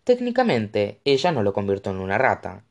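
Figure: sardonic young man, voiced by an audiobook narrator. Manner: dry, sneering, mocking. Pitch: lively. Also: a little fast, vocal fry, full character voice. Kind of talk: audiobook character voice.

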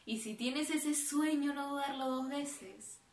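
A woman, hosting a casual chat with enthusiastic, quick reactions. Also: high voice, reverberant. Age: 20s. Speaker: host.

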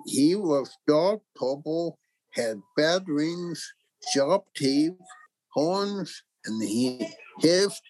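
A narrator and host reading a scripted children's story and facts in a theatrical, deliberate way. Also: mid-range voice, animated, darkish tone, poor audio.

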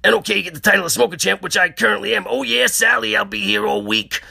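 A man voicing a brash, boastful chain-smoking woman with a gravelly, raspy smoker's voice and a cackling, wisecracking manner. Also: sits high, expressive, quick pace, pushed and bright, voice pushed up, heavily acted.

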